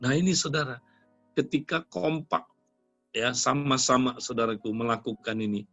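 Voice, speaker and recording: A man's voice: medium pitch, normal speed, fairly bright tone, no room sound. An older man preaching, telling a testimony story and constantly calling his listeners "brother". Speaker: pastor. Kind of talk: sermon. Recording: dry, dull sound with faint music behind.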